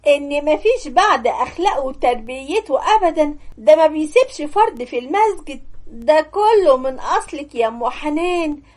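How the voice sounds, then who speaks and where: Scheming Egyptian mom, sugary and sharp, high voice, read by a woman storyteller. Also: expressive, normal speed. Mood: sweet hosting. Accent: Egyptian Arabic. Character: scheming middle-aged mother, sugary to guests, harsh to kin.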